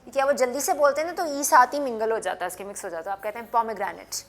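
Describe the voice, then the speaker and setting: A woman teaching English words in a television lesson, patiently repeating and spelling each word slowly for learners to copy. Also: fairly high pitch, fairly bright tone. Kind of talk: classroom lesson with repetition drills.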